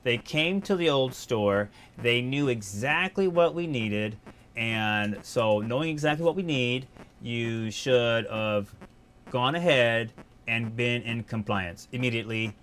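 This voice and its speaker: A man's voice: mid-range voice, slow, a bit bright. A man hosting a podcast, talking casually and rambling through a long explanation. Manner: rambling, conversational, with fillers and restarts. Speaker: podcast host and business owner.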